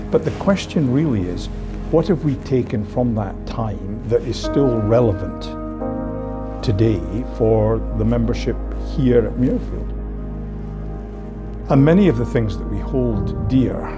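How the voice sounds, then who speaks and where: A man answering interview questions in a measured, halting way, with many restarts. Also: medium pitch.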